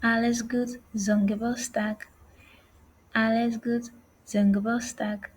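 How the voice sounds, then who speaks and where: A woman teaching an online language lesson, speaking slowly and carefully and saying each phrase twice. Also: on the high side, flat delivery, poor audio.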